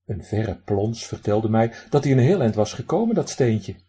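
Husky, lively male storyteller. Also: on the low side, normal speed. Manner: lively, addresses the listener directly. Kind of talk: storytelling narration.

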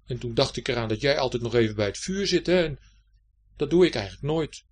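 A man's voice: mid-range voice, lively intonation, fast talker, close to an everyday voice. A man voicing a lazy, sulky old male Winter with an icicle beard in a storybook, grumbling and mumbling. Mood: excusing.

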